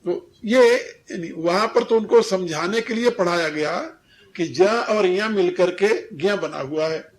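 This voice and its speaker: A man's voice: high voice, slow pace. An older man giving a religious discourse as a spiritual teacher, explaining things in a teaching tone and often chuckling. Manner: didactic, chuckles while correcting pronunciation. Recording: 1993 recorded lecture.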